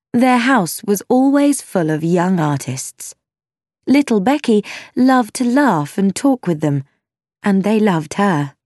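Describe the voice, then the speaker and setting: Slow, expressive woman narrating a storybook. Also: mid-range voice, dry recording, clean studio sound. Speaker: audiobook narrator. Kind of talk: scripted narration of a simplified classic novel.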